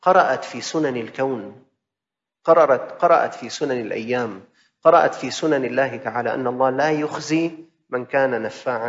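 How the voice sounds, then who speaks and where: A male preacher, delivering a sermon in rhythmic, repetitive phrases and slipping from classical into colloquial asides. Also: mid-range voice. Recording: dull sound in a reverberant hall.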